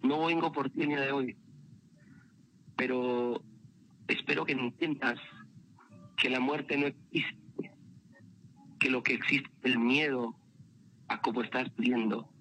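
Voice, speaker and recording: A man voicing Death, a bodiless spirit that calmly explains itself at his bedside. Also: medium pitch, measured pace, pauses often, slight background noise, rough recording. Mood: calm, stern.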